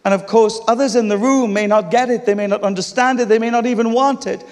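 A fast-talking man whose voice sits high delivers a sermon in an English accent. He starts with an amusing, animated anecdote, laughing along, then shifts to teaching. The audio carries the long echo of a big hall.

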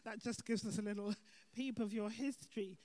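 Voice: medium pitch, steady tone, fairly quick, darkish tone. An interviewer at a church event, asking questions with a curious, encouraging manner.

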